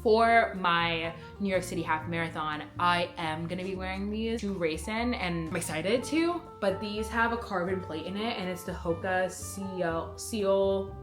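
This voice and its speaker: A woman's voice: on the low side, measured pace, few pauses, roomy sound, faint music behind. A young woman chatting casually and conversationally as a running vlogger, with rambling asides. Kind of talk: casual vlog chat.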